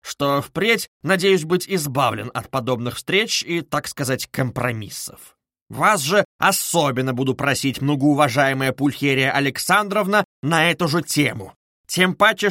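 A man reading aloud voices a pompous, sarcastic middle-aged gentleman in a stiffly formal manner. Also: on the high side, no echo, studio quality. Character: sneering pompous middle-aged male suitor.

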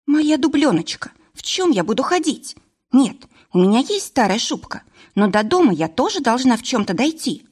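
A woman reading an audiobook, voicing a panicky, excitable young woman who cries out in shrill, frantic bursts. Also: moderate pace, breathy edge. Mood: fretful.

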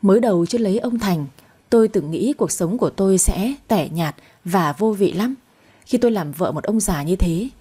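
A young woman narrating a dramatic story in the first person, in a calm, even manner. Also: medium pitch, normal speed, husky.

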